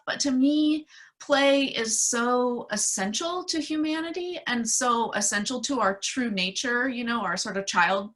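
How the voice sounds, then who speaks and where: A woman speaks in a bright, forward voice over a video call. She talks earnestly, with frequent fillers and pauses. Her tone is heartfelt and emotional. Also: on the high side. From Portland, Oregon area. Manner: warm, earnest, many fillers, gets choked up. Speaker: exhibiting artist.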